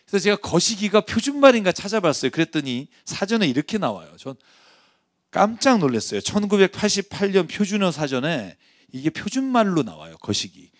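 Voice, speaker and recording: A man preaching a sermon as pastor, conversational and lively, asking his listeners rhetorical questions. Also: high voice, brisk, dry recording, studio quality.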